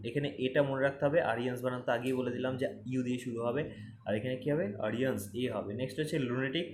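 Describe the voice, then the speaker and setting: A man with a medium-pitched, somewhat dark voice runs an exam-prep spelling lesson, spelling words out letter by letter and repeating them for emphasis. There's slight background noise, and the recording has a roomy echo with faint ambience.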